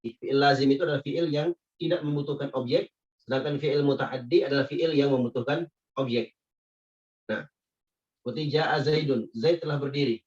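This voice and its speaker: A man teaching Arabic grammar in a patient, repetitive classroom style, often checking in with a quick "ya". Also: mid-range voice, a little mellow. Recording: muffled lo-fi sound from a distance.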